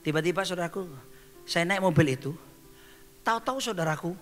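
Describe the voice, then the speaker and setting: A middle-aged male pastor preaching a sermon, telling stories in an animated way and often calling out to the congregation. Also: high-pitched, a little fast, in a large hall, faint music behind.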